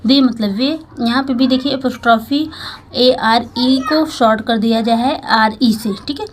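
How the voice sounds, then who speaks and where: Patient woman teacher, slightly high voice. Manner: slow, patient word-by-word explaining with many pauses and fillers. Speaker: English teacher. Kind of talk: Hindi-language English lesson reading a story.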